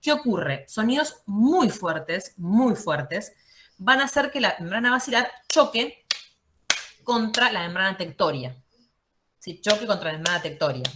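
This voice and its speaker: A woman teaching an online class, explaining step by step and often checking in with a quick "¿sí?". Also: medium pitch, expressive, a bit bright, slight background noise. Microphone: video call.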